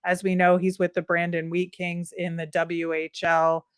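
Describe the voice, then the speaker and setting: A woman's voice: fairly low pitch, completely flat delivery, moderate pace, clean tone, dry recording, clean studio sound. A woman co-hosting a sports podcast, chatting casually and thinking aloud with plenty of fillers. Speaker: podcast co-host.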